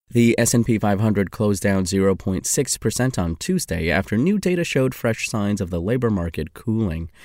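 A man reading scripted financial news in a formal, measured manner. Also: on the low side, dark tone, no room sound, studio quality. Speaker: news reader.

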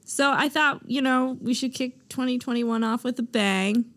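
A woman's voice: sits high, moderate pace, fairly bright tone. A woman hosting a podcast in a casual, conversational style. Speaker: podcast host.

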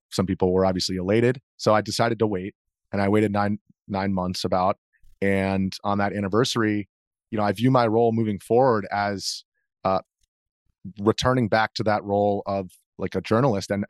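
As a guest in an interview, this American man talks in a fairly low register, earnestly and conversationally, frequently starting his phrases over. The audio is dry.

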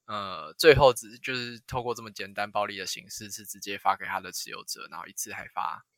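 Bright, forceful low-pitched Taiwanese man. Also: steady tone, a little fast, no room sound. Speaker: podcast host. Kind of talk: casual chat.

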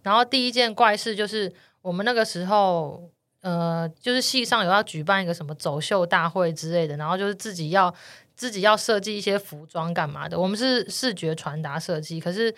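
A woman with a Taiwanese Mandarin accent telling a ghost story in casual podcast chat, animated and swearing at the scary parts. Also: fairly low pitch, brisk.

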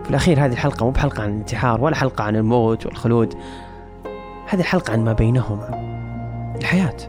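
Guy hosting a podcast, quick and earnest, bit of soft music under him. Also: medium pitch. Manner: earnest, wry, measured essay delivery. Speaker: podcast host. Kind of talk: reflective scripted podcast monologue.

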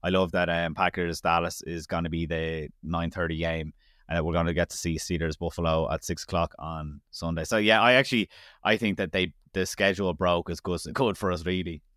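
A man's voice: sits low, steady tone, fairly quick, a bit bright, dry recording, clean studio sound. A man with an Irish accent co-hosting a sports podcast, chatting through football analysis with frequent restarts. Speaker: podcast co-host. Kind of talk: casual sports podcast chat.

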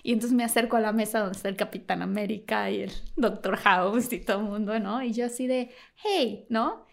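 A woman's voice: medium pitch, brisk, gravelly. A woman with a Mexican accent, a talk show guest who tells a funny story, acting out the lines of others and laughing often. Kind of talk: animated anecdote telling.

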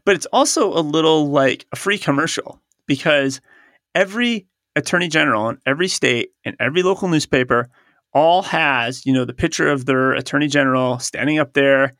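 A man with a slightly high, fairly bright voice talks a little fast as co-host of an accounting podcast, chatting casually and laughing a lot despite being a bit stuffed up from allergies. He reads ads and quotes aloud, and the clean studio sound has no room sound.

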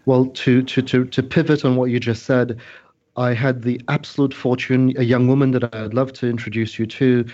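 A man as a podcast guest, speaking at a middle pitch and laying out his points earnestly, stressing and restating each one. His audio sounds a little muffled and lo-fi. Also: little pitch movement, normal speed, dark tone. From Trinidad. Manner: earnest, emphatic, lecturing, repeats points. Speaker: scientist guest. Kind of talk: interview explanation. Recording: slightly dull lo-fi audio.

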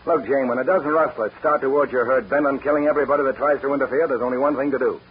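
A raspy, folksy ranch foreman. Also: medium pitch, fairly even intonation, very fast. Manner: drawling, folksy, evasive. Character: shifty, folksy man running a cattle ranch. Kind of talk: 1940s radio acting. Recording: dull old radio broadcast.

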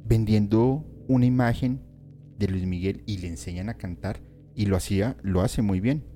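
A man's voice: deep voice, normal speed, warm tone, soft background music. A man, chatting live to his viewers as he comments on a mystery story and speaks to them directly. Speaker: streamer.

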